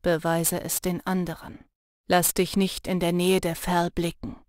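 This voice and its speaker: Reading an audiobook, a woman gives voice to a young male shapeshifter who is intense and protective, earnest and urging in a low register but soft when he teases. She speaks in a natural, monotone voice at a measured pace, captured at studio quality without echo.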